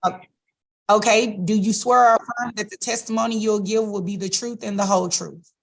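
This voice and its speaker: A woman judge runs formal proceedings on the record in a courtroom recording of a virtual hearing. Her mid-pitched voice carries a gravelly fry, and she speaks in a measured, procedural way with brief fillers. She is heard through a video call. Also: steady tone, rough recording.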